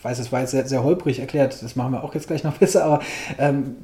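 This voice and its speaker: A man hosting an interview, asking questions in a halting way and searching for words. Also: medium pitch, dark tone, reverberant. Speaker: podcast host, interviewer. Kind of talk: casual interview.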